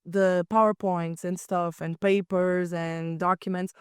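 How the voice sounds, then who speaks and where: A woman's voice: fairly low pitch, little pitch movement, unhurried, clear, resonant tone, no room sound, clean studio sound. A young woman co-hosting a casual student podcast, telling stories and acting out quoted lines. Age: young adult. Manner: chatty storyteller who acts out quotes. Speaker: podcast co-host. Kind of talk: casual chat.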